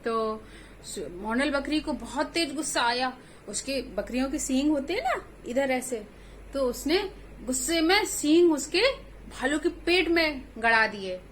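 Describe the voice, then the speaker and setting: A woman's voice: high voice, animated, unhurried, a little hiss or hum. A woman narrating a children's story in a simple, chatty way, speaking directly to young listeners. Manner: simple, chatty telling to kids.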